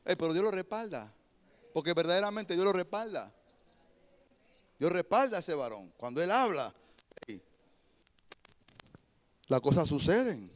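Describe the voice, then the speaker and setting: A male pastor preaching a sermon, building to shouted lines and then dropping to a quieter, joking tone. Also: high-pitched, big pitch swings, a little slow, long pauses.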